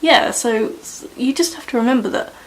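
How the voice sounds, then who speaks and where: Sitting at home putting on makeup, a chatty female beauty vlogger rambles casually, peppering her talk with "like" and "you know." Her voice sits high and moves at a normal speed, captured in a rough recording.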